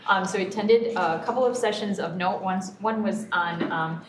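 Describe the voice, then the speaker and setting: Woman superintendent, distant in an echoey room. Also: mid-range voice. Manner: hesitant, many ums, deliberate. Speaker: school superintendent. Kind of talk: public board meeting remarks. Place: echoey board meeting room. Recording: echoey room, distant mic, faint noise.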